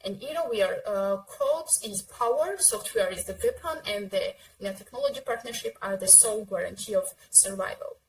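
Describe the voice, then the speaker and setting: A woman delivering an academic presentation on a video call, with hesitant, halting phrasing. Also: mid-range voice, animated, a little hiss or hum, poor audio. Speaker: conference presenter.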